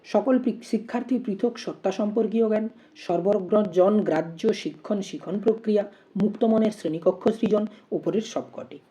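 A woman's voice: mid-range voice, moderate pace, warm tone. A woman teacher going through exam practice questions step by step, often asking herself "why?" before she explains. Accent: Bengali. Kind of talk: exam-prep lesson.

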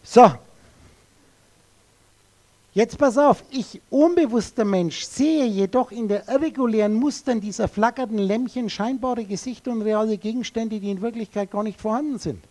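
A man lecturing an audience on spiritual matters, with a mellow, darker tone. He talks bluntly and provocatively, throws in crude words, and turns straight to his listeners to challenge them. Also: high voice, moderate pace. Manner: addresses listeners directly.

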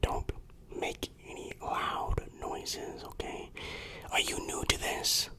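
In a breathy whisper, an ASMR performer plays a bossy underground dealer who keeps things secret. The roleplay is slow and hushed, with phrases repeated.

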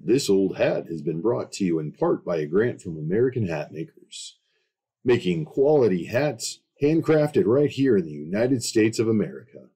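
A man voicing a formal, earnest sponsor announcer with a slow, stately delivery. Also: on the low side, sing-song, dark tone, breathy edge.

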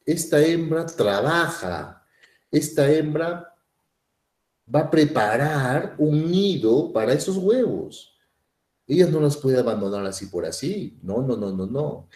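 A male biology teacher, lecturing in a playful, chatty style full of tag questions. His pitch swings widely and his tone is dark and mellow. The room around him is echoey. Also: lively intonation, takes it slowly. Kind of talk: animated classroom lecture.

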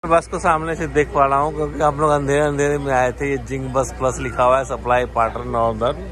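A man's voice: mid-range voice, little pitch movement, fast talker, a bit bright. A middle-aged man chatting casually as he films a travel vlog on a phone at arm's length. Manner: chatty, narrating on the move. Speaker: vlogger. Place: bus, roadside dhaba and highway halt, outdoors at night and dawn. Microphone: phone held at arm's length. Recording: noisy outdoor traffic.

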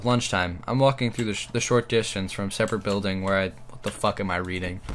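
A man's voice: on the low side, fairly bright tone, a little hiss or hum. A man hosting a gaming video on a headset mic, reading funny stories aloud and often cracking up mid-read.

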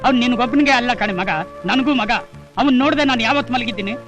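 A man's voice: very high-pitched, fast, dull audio, over music. An actor playing a hot-tempered, stingy middle-aged father who grumbles and scolds his son. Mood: scolding. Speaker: the hero's father. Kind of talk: Kannada film dialogue.

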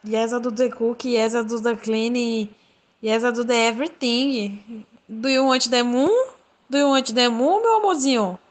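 Slow-talking woman in broken English. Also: a little high, a little hiss or hum. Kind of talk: comedy skit.

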